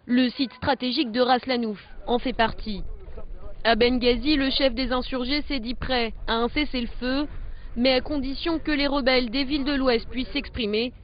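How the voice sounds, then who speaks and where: A woman reads a scripted news voice-over in a measured, even way. Her voice sits high, and the audio is a little dull and muffled. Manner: measured, even newsreader delivery. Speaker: news narrator. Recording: slightly dull broadcast audio.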